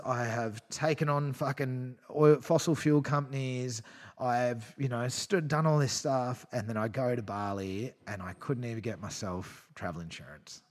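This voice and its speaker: A man in his thirties telling a personal story as a guest, rambling with frequent swearing and laughs. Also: medium pitch. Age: 30s. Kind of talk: casual storytelling.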